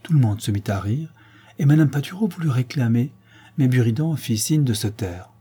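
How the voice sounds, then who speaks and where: A man reading a 19th-century novella aloud as an audiobook narrator, with measured, expressive storytelling. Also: medium pitch, breathy edge.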